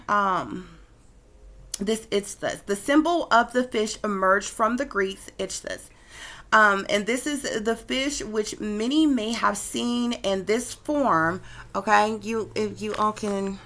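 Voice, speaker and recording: A woman's voice: mid-range voice, slow, pushed and bright. Woman talking casually, saying "okay?" a lot. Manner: repeats "okay?" often, with many fillers and restarts. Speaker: spiritual video host. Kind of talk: casual spoken video lecture.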